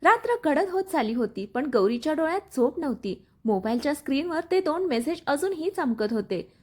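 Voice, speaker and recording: A woman's voice: high voice, big pitch swings, fairly quick. A woman narrating a dramatic story and reading the characters' lines with feeling.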